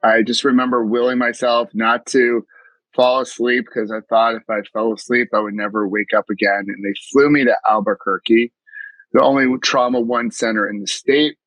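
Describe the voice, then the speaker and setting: In a rough recording with no room sound, a middle-aged East Coast man speaks at a moderate pace in a level, mid-range voice with a slightly bright tone. He's a mindfulness coach appearing as a podcast guest, reflecting earnestly on his story in an interview and frequently starting his sentences over.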